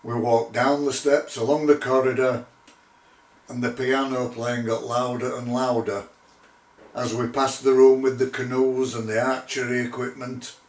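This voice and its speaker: A middle-aged man telling his own paranormal investigation story in a measured, deliberate way, with pauses. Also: medium pitch, little pitch movement. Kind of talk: unscripted spoken storytelling. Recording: roomy echo, distant microphone.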